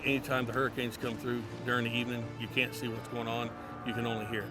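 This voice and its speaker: Even-toned man recounting events over loud music. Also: medium pitch, fast talker. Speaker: livestock market operator. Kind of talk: casual storytelling interview.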